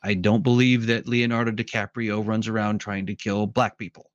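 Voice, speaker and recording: A man's voice: lowish voice, normal speed, no echo, highs cut off. A man in casual conversation, explaining at length and acting out quoted voices as he tells stories. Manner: animated storyteller who acts out quotes. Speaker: podcast guest.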